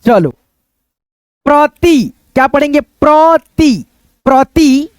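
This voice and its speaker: A man teaching Hindi reading online, breaking hard words into syllables and repeating them slowly, often calling the viewers friends. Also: very high-pitched, lively intonation, dry recording. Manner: addresses viewers as friends with frequent fillers.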